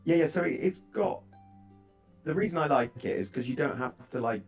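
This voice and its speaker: A man in casual chat about his developer tools, animated and full of fillers and restarts, heard through a laptop microphone. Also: medium pitch, normal speed, husky, soft background music. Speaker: software developer chatting on a call.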